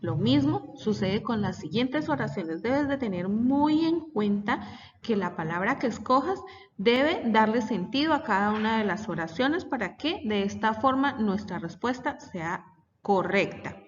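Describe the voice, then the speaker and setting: Woman teacher, patient and clear. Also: on the high side, lively intonation, a little slow, distant mic, slight background noise. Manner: patient, explanatory, reading example sentences aloud. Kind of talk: recorded classroom lesson for children. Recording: dull audio with long reverb.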